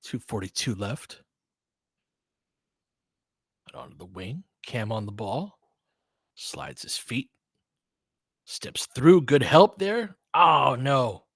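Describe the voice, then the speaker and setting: Here a podcast host calls a basketball game live, informally and in short clipped phrases, while chatting with listeners. He speaks slowly with long pauses, his medium-pitched voice expressive and slightly rough. The sound is dry and clean, studio quality.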